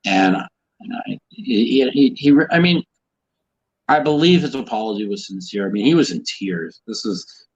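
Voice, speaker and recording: A man's voice: medium pitch, animated, normal speed, husky, muffled recording. A man being interviewed as a guest, talking in a heated, emphatic way, swearing often and restarting his sentences. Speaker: guest, professional poker player. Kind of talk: casual interview.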